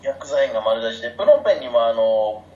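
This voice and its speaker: A man co-hosting a podcast, chatting in an amused, agreeable, animated way. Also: medium pitch, fast. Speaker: podcast co-host. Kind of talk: casual podcast chat. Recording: roomy, slightly dull sound.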